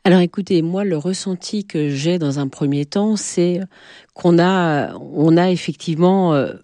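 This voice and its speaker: Mellow woman arguing haltingly in debate. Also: lowish voice, no room sound. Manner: halting, repeats words while arguing. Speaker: local politician, debate guest. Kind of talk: political debate argument.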